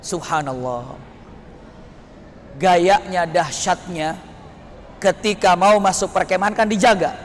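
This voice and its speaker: A man's voice: high voice, slow, pauses often. A man preaches by telling a story, dramatizing it and putting questions to the listeners. His voice carries a long echo through a hall, with faint noise in the background. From West Java, Indonesia. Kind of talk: storytelling sermon.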